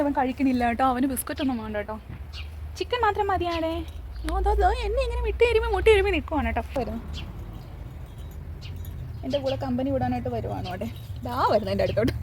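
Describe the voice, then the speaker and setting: A woman talks fast and high as she vlogs in her garden, coaxing a cat and often crying out in surprise. She is filming on a phone held in her hand. Outdoor noise runs clearly beneath her voice. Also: sing-song, darkish tone. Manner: chatty, coaxing, often cries out "ayyo". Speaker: vlogger. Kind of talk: casual vlog talk to a cat. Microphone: phone held while filming. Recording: noisy outdoor phone recording.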